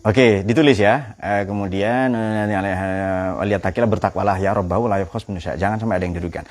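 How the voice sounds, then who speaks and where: A man's voice: on the low side, fairly quick. A man giving a Quran exegesis lecture, quizzing his audience with questions and telling jokes. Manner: lively, joking storyteller.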